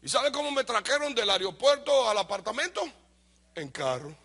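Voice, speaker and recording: At a moderate pace, a man from the Dominican Republic preaches a spirited sermon in a Dominican Spanish accent. This pastor answers his own questions and moves from animated shouts of emphasis down to low asides.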